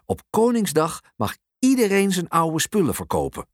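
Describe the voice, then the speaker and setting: A storyteller voicing a patient but strict mother in a children's storybook, speaking low, calm and firm. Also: normal speed, dry recording, clean studio sound.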